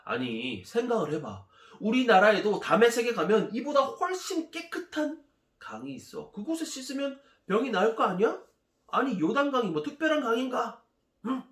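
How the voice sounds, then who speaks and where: A man's voice: extremely high pitch, sing-song, normal speed, roomy sound, voice pushed up, heavily acted. A man playing an indignant proud general. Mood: grumbling. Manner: bossy, indignant shouting. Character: proud angry foreign army general, man.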